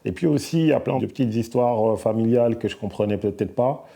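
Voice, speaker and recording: A middle-aged man from Belgium, answering interview questions in a soft-spoken, hesitant way with many fillers. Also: mid-range voice, fast, gravelly. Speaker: musician guest.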